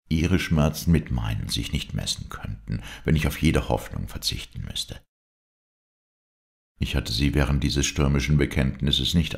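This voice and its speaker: A man narrating a classic story as an audiobook in a measured, dramatic way. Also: extremely low pitch, vocal fry. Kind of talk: scripted first-person narration of a classic story.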